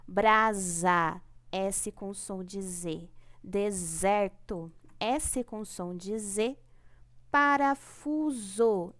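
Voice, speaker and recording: A woman's voice: mid-range voice, darkish tone. A woman teaching a primary class remotely with a Brazilian Portuguese accent, patient and repetitive, stretching out key words and checking in often.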